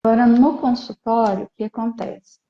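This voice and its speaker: A woman therapist, a guest in a live online interview, explaining her clinic work in a calm, steady way. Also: fairly high pitch, moderate pace, slight background noise. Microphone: video call. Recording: dull, echoey video call audio.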